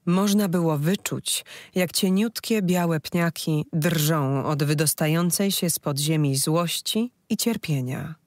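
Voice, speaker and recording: An audiobook narrator reading a dark folk fantasy story in a steady, measured way. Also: mid-range voice, dry recording, studio quality.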